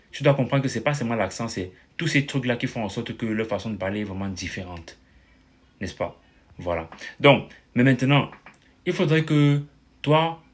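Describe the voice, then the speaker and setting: A man from Cameroon, giving casual, animated advice to viewers and repeating his points. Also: medium pitch. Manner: animated, repetitive, calls viewer brother. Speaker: language-learning vlogger.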